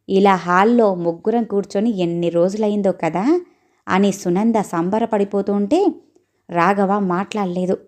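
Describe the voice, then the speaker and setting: A woman storyteller reading an audio story aloud in a steady, expressive way. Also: medium pitch.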